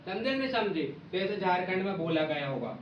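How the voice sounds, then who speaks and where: A man's voice: high-pitched, animated, fairly quick. A male teacher giving an exam-prep lesson, playfully acting out little skits and asking again and again whether the students understood. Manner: repeats "samjhe nahin samjhe?" to check understanding. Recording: echoey, distant, dull audio with faint noise.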